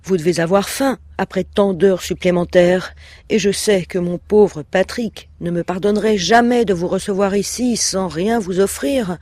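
A man voicing a sweet, scheming young housewife in a high, pleading voice. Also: normal speed, darkish tone, no room sound. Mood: sweetly coaxing. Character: young housewife, sweetly cunning, tearful on demand.

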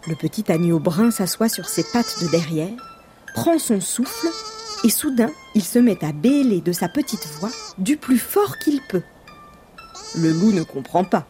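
A woman reading a children's storybook aloud in a gentle, calm way. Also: mid-range voice, unhurried, faint music behind. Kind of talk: scripted storybook narration.

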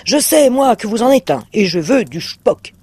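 A greedy horned demon with a cunning, impatient streak, as a male reader puts him on. The voice sits high and pushes loud, swinging between sly coaxing and outright shouting. It belongs to a storybook reading. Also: expressive, normal speed, breathy edge, dry recording. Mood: insistent. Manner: sly, blustering, sometimes shouting. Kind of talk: audiobook reading.

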